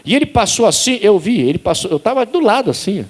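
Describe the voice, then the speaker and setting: A male pastor preaching a sermon, animated, rising to sharp high exclaims and acting out dialogue. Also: fast. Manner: acts out quoted dialogue.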